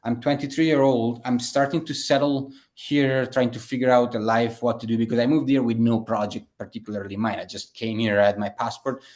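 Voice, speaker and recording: A man's voice: mid-range voice, flat delivery, a little fast, few pauses, darkish tone. A man, a guest telling his story in a casual interview, rambling with many fillers and restarts. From Italy. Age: 30s.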